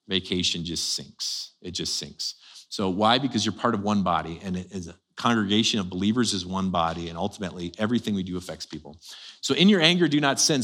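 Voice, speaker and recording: A male pastor giving a conversational sermon, firing off rhetorical questions at the congregation and jumping up in pitch and volume to stress a point. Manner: casual, asks the congregation many rhetorical questions; animated, jumps up in pitch and volume for emphasis.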